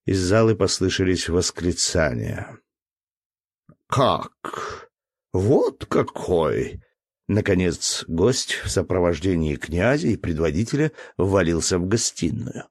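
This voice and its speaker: A man narrating a classic novel in a measured, even reading. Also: low-pitched, no room sound, studio quality. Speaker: audiobook narrator.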